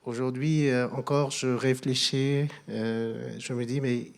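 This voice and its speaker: A middle-aged Afghan man with an Afghan accent speaks as a guest in a hall at a public evening event. He is earnest and hesitant, often repeating words while searching for them, in a slow, creaky, medium-pitched voice with little pitch movement.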